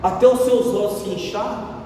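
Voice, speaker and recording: A man's voice: high-pitched, fairly even intonation, normal speed, dark tone, slight background noise. A man preaching a fervent sermon, often calling out to his congregation. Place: church hall. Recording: echoey church hall from far off.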